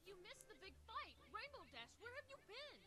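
A woman doing squeaky deadpan cartoon pony girls. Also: normal speed. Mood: goofy deadpan. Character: young female cartoon ponies in a crude parody. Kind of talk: fan parody cartoon voice acting. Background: loud music.

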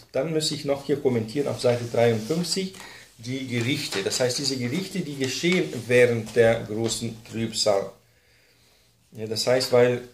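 A man teaches a Bible class in an echoey room. He explains step by step and keeps checking in with "ne?". His voice sits at a middle pitch. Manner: explains step by step with many fillers and tag questions.

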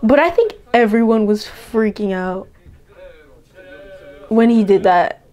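Excitable young woman gushing over clips. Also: medium pitch, slow pace. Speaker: reaction video host. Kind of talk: casual reaction commentary.

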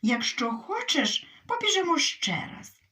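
Woman as a crafty storybook hedgehog: sly, lively, slightly distant sound. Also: extremely high pitch, unhurried, voice pushed up, exaggerated voice. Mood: smug. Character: cunning clever male hedgehog.

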